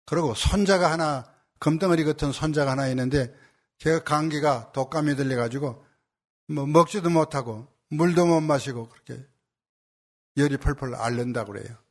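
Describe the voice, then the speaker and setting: A man preaching as a pastor, telling a story and acting out the dialogue, his voice rising when he exhorts. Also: moderate pace. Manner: rises in pitch and intensity when exhorting. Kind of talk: sermon.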